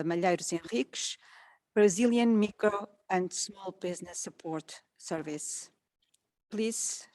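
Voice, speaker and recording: A woman chairing a formal panel discussion. She hands over to speakers politely, pausing now and then on names. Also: medium pitch, darkish tone. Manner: polite, slightly hesitant. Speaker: moderator. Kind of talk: formal moderating.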